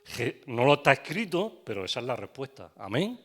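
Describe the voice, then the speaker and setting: A man's voice: medium pitch, very animated, a little fast. A man with a Spanish accent preaching a sermon as pastor in a church, asking his congregation questions and adding frequent amens. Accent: Spain.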